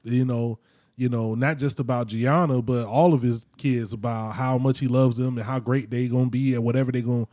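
A man in his late thirties co-hosting a podcast, talking in a slow, reflective, slangy way. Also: medium pitch, steady tone, warm tone, no room sound. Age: 30s. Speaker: podcast co-host. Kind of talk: casual chat.

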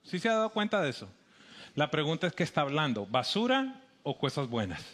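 A man with a Bogotá Colombian accent giving an animated sermon, acting out quoted voices with emphatic rises. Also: a little high, fairly quick. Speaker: preacher.

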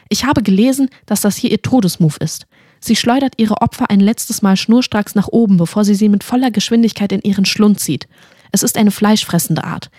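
A woman's voice: mid-range voice, warm tone, husky, dry recording, studio quality, close to an everyday voice. A woman voicing a studious, earnest young witch who lectures her companion in a fantasy audiobook. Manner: instructive, lecturing.

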